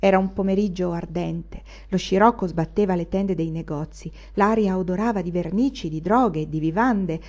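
A woman narrating a literary audiobook in a measured, expressive reading. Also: lowish voice, dull audio. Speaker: audiobook reader.

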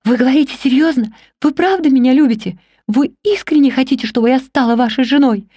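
A woman's voice: sits high, fairly quick, dark tone, husky, no echo, studio quality, voice pushed up. A woman reading the part of an earnest young governess in an audiobook, raised and urgent.

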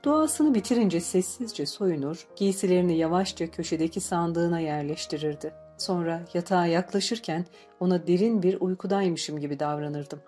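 A woman reading an audiobook in measured, steady narration. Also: fairly low pitch. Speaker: audiobook reader. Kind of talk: scripted narration. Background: faint background music.

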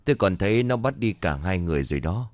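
Man doing a gruff street exorcist. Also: low-pitched, lively intonation, fast talker, no room sound. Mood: blunt. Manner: blunt, matter-of-fact.

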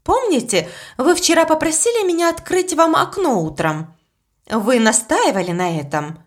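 A woman's voice: high voice, very animated, moderate pace, voice pushed up. Defiant young housemaid, as a woman reads her. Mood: respectful.

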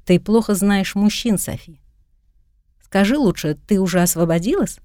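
A woman's voice: mid-range voice, moderate pace, dark tone, no room sound, clean studio sound, natural voice. A woman voicing a confident, playful young male New York cop in an audiobook. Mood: teasing. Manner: playful, self-assured.

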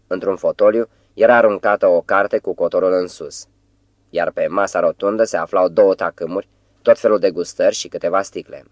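A man narrating an audiobook in a measured, even storytelling manner. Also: deep voice, dry recording. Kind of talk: scripted narration.

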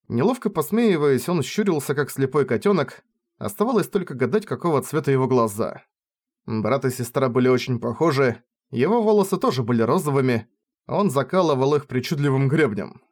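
A man narrating an audiobook in an expressive reading style. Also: medium pitch. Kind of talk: scripted narration.

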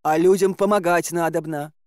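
A woman voicing a stout-hearted young male bogatyr warrior who speaks slowly and earnestly, in a dry recording. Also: fairly low pitch, fairly even intonation, a little mellow, dry recording, close to an everyday voice.

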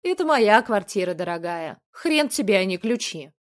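A woman's voice: mid-range voice, sing-song, moderate pace, lightly acted. A woman reading the part of a smug, callous young man who cheats on his girlfriend, in a mocking tone. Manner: cold, mocking. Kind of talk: storybook reading.

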